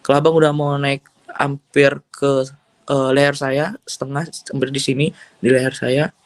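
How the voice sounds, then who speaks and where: A man's voice: medium pitch, flat delivery, moderate pace, no echo. A young man giving a personal faith testimony as an interview guest, telling it casually and earnestly and dropping in English phrases. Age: young adult.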